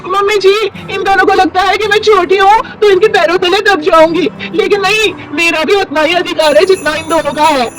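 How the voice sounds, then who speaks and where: A man doing a shrill, defiant young daughter-in-law. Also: fairly even intonation, moderate pace, hardly any pauses, rough recording. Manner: shrill, huffy protesting.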